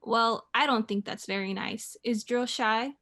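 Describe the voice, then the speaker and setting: Radio play mother: female actor, patient, mildly amused, unhurried, slightly high pitch. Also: steady tone. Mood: gently chiding. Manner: gently chiding, unhurried.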